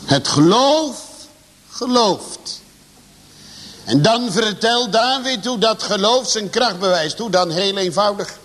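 A man preaching a sermon to a congregation, swinging his pitch and volume for emphasis. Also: normal speed, fairly bright tone. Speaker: pastor. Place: church. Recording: long church reverb.

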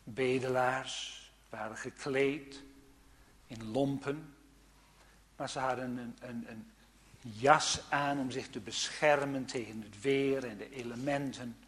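A man preaching a sermon, swinging between fervent raised passages and hushed, quiet ones. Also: medium pitch, fairly even intonation, takes it slowly, in a large hall.

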